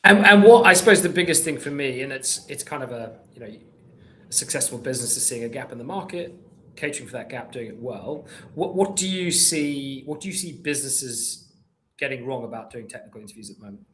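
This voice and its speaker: A man's voice: mid-range voice, animated, brisk, fairly bright tone, a little hiss or hum. A man hosting a podcast interview, friendly and a little hesitant, often repeating words as he asks his questions. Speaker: podcast host.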